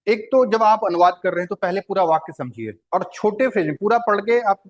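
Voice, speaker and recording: Teaching Hindi translation, this man speaks in a high, animated voice a little quickly, with the high frequencies cut off in the recording. He explains things at length, repeating and spelling out words and answering his own questions.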